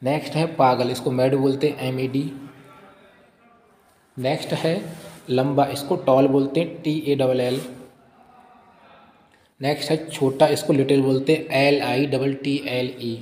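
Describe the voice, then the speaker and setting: A man teaching English vocabulary, reading out each word and then slowly spelling it letter by letter in a steady dictation. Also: medium pitch. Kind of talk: vocabulary lesson, spelling words aloud. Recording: roomy echo with long reverb.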